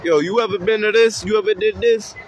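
Out on a city street, with faint street noise in the background, a man who does community outreach speaks casually to the camera about mentoring kids. His high voice holds a steady tone and moves fairly quickly. He comes across as heartfelt and slangy, and he imitates the kids as he talks.

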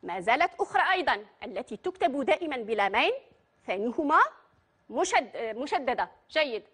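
In a high, sing-song, slightly bright voice with a breathy edge, an Algerian-accented woman talks fast as she gives young pupils an Arabic grammar lesson. She's patient, addressing the children directly with questions.

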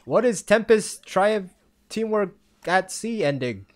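Excitable gamer with a lively, up-and-down voice. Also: mid-range voice, takes it slowly. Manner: excitable, reacts loudly with exclamations and self-talk. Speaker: gamer playing a Roblox obstacle game. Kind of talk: let's-play commentary. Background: faint game music.

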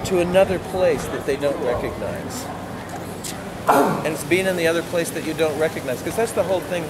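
A middle-aged man talking earnestly in a casual chat outside a shopping mall, philosophizing about dreams and reality. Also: fairly high pitch. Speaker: moviegoer discussing a film. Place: outdoor shopping mall at dusk. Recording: loud outdoor street noise.

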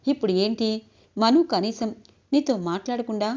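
A woman's voice: a little high, normal speed, a little mellow, lightly acted. Woman reading a firm, protective older brother. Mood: insistent. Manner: firm, pleading, insistent. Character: protective, insistent older brother, middle-aged man. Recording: dull lo-fi recording.

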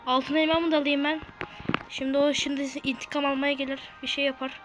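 Excitable high-pitched woman gamer. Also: brisk, over music. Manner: excitable, chatty, bursts into shouts. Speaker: gameplay channel host. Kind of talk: live gameplay commentary. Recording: noisy home recording.

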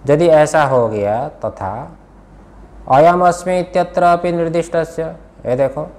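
A man's voice: on the high side, unhurried, a little mellow. A man teaching a scripture class in an Indian accent, questioning his students and repeating key words. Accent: Hindi-speaking Indian. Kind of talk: classroom lesson, explaining a text.

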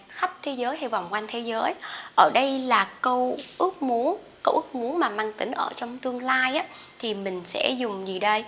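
A young woman with a Vietnamese accent teaching English pronunciation. She says English phrases slowly and then explains them quickly. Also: a little high, fairly bright tone. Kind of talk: pronunciation lesson.

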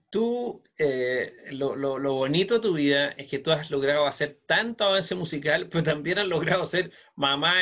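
A man with a Chilean accent hosting a conversational interview, asking leading questions in a warm way. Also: fairly high pitch. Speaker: interview host.

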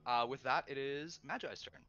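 A man's voice: medium pitch, normal speed, fairly bright tone, muffled recording, soft background music. A man running a tabletop game as game master, narrating casually with many ums and the odd swear.

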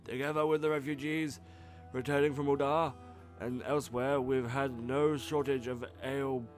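A man voicing a gruff old male resistance leader from a video game, speaking slowly. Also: mid-range voice, flat delivery, soft background music, lightly acted. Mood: proud.

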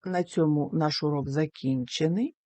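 Slow and careful, this woman teacher breaks words into syllables for young children in a recorded lesson. Her voice is deep and mellow, and the recording is dry.

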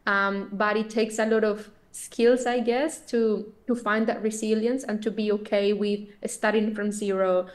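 A woman's voice: medium pitch, level tone, unhurried, hardly any pauses. A woman, talking earnestly and reflectively as a podcast guest. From Colombia. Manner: earnest, reflective, with frequent restarts. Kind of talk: podcast interview.

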